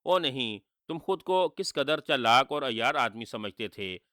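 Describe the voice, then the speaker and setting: A man's voice: mid-range voice, animated, measured pace, sharp tone, no room sound, clean studio sound. A man voicing a boastful, cruel male sorcerer who taunts with spoken laughter, in a storybook reading. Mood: gloating, mocking. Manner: gloating, taunting with read-out laughter.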